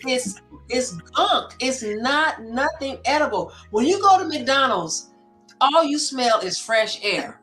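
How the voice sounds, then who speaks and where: A woman co-host in a casual discussion, speaking in a deliberate, affirming way. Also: sits high, lively intonation, a bit bright, soft background music.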